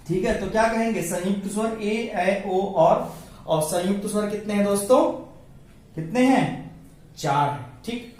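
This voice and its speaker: A male teacher giving an exam-prep lecture, asking questions and answering them himself, stretching the vowel sounds slowly while writing on a board. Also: sits high, a little mellow. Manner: addresses listeners as friends. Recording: very echoey room, voice from some distance to the mic.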